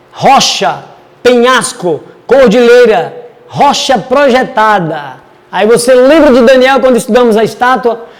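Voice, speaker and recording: A man's voice: high-pitched, big-room sound. A man teaching a casual Bible study, chatty and digressive as he reads verses aloud.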